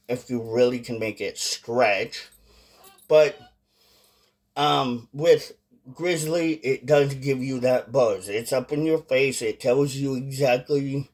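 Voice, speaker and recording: Slow-paced man giving a casual review. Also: mid-range voice, darkish tone. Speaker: product reviewer. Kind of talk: casual vlog review with ranked list.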